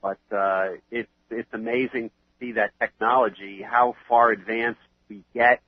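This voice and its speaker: A man's voice: medium pitch, fairly even intonation, measured pace, dry recording. A man in his fifties with a New York accent and a head cold, chatting as an interview guest over a phone line. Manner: chatty, rambling with fillers.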